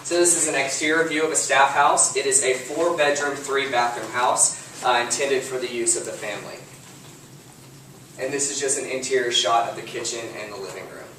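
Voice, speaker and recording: A young man from Texas walks through his slides one by one, filling pauses with ums and uhs. He is heard from a distance in a very reverberant room with faint background hiss. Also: medium pitch, steady tone, bright, forceful tone. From Lufkin, Texas. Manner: walks through slides methodically with frequent uh and um fillers. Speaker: student presenter. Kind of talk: class project presentation. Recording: distant mic in an echoey room with faint noise.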